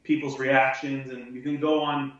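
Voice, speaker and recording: A man's voice: mid-range voice, little pitch movement, normal speed. A man speaking as an interview guest in a casual, joking way. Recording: echoey, distant, muffled.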